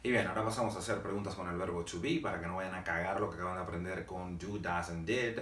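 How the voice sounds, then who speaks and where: A man's voice: deep voice, steady tone, fast talker, fairly bright tone, slight background noise. A man teaching a video lesson in a blunt, plain-spoken way, swearing casually as he explains. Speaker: English teacher. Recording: echoey room, a bit far from the mic.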